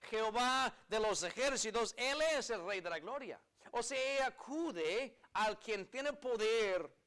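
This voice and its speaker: A man's voice: high-pitched, fairly bright tone. A man preaching a sermon in earnest, emphatic phrases, repeating key words, with an American accent as a native English speaker. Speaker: pastor.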